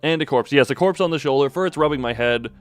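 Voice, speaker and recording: A medium-pitched male voice moves quickly as this streamer casually rambles, cracks jokes, chases tangents, and answers his chat. Faint music plays behind him, and there's no room sound.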